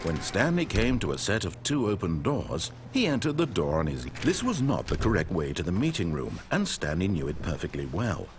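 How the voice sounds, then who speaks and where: A wry, condescending game narrator. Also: male voice, low-pitched, huge pitch swings, brisk, hardly any pauses, over music, heavily acted. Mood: mock-grand. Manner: dry, ironic and mock-grand.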